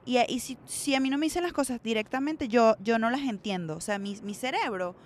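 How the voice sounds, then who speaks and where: A woman's voice: fairly high pitch, fairly quick. Blunt Venezuelan woman, slangy chatter. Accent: Venezuelan Spanish. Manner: blunt, slangy, animated, acts out quoted voices. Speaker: podcast co-host. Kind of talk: casual chat.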